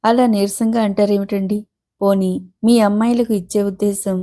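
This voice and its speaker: A woman's voice: mid-range voice, level tone, moderate pace, warm tone, close to an everyday voice. A woman voicing a pushy middle-aged father with a coaxing, insistent manner, read from a storybook. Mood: pleading.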